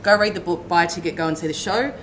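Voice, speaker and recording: A woman's voice: lowish voice, fairly bright tone, slight background noise, rough recording. An Australian woman co-hosting a live pub chat show, racing through a gig guide until she is out of breath. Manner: rapid, breathless list reading. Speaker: co-host reading the gig guide. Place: pub venue.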